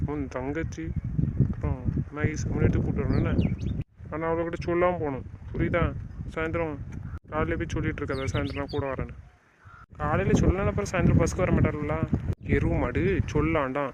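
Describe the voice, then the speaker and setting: A man plays a bossy family elder, lecturing in a high, rapid voice. Each line ends in a pointed question. Rural outdoor noise runs clearly underneath. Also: dull audio, lightly acted. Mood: scolding. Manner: scolding, lecturing, rhetorical questions. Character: domineering, scolding male family head. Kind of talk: village family drama acting.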